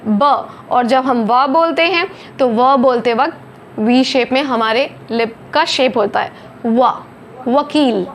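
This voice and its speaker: A woman teaching a phonics lesson, slowly over-articulating each letter sound. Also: high voice, slight background noise. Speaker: Hindi teacher.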